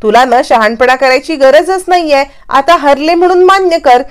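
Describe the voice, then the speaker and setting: A woman's voice: sits high, moderate pace, close to an everyday voice. A woman voicing a quarrelsome, sarcastic young man in a serial recap, in a taunting, argumentative way. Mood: irritated, taunting.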